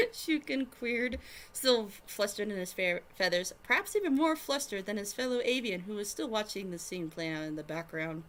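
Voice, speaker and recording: A woman's voice: mid-range voice, expressive, moderate pace, fairly bright tone. Giggly woman reading a story aloud. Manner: giggly, breaks off to laugh. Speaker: streamer reading fan fiction. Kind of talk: reading fan fiction aloud to friends.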